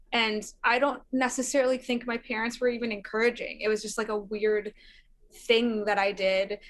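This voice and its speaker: A young Syrian woman, appearing as a musician guest, chats casually in an interview, laughing often and using lots of fillers. Her voice is medium in pitch and a bit bright.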